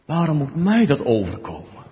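Male pastor, high and animated voice, sermon in a reverberant church on dull audio. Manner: slow, emphatic preaching with big swings between hushed and loud.

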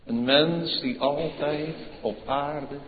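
A man preaching a sermon as pastor, swinging between hushed words and loud fervent calls. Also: fairly high pitch, extremely slow, big-room sound, narrow, tinny audio.

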